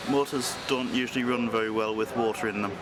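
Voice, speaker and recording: A man's voice: mid-range voice, steady tone, fast, poor audio. A man giving a plain-spoken technical assessment with dry understatement. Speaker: technical team member.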